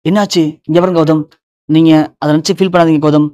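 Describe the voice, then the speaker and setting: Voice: mid-range voice, fairly even intonation, fast talker, mellow, close to an everyday voice. A narrator voicing a caring young wife who anxiously soothes her husband. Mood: soothing.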